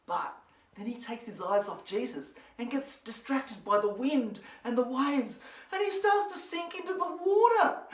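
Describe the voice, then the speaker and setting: Lively Australian woman, kids' church presenter, animated storytelling, echoey room. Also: sits high, measured pace. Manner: animated, expressive, speaks to her dog. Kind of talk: children's Bible storytelling. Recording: roomy, from a distance.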